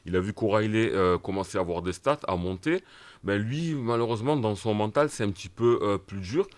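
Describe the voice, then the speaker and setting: A man's voice: lowish voice, a little fast, smooth. A man giving his opinions as a panelist in a casual football chat.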